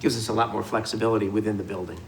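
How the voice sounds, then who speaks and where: A housing developer addresses a city committee, laying out project details patiently while restarting often and using plenty of fillers. His voice is lowish and steady, he talks very fast, and there's slight background noise.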